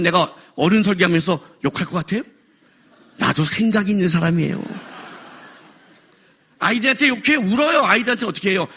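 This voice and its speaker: A middle-aged male pastor delivering a sermon at a worship service, animated and joking, raising his voice for effect. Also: high voice, husky. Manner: animated, jokes and raises voice for effect.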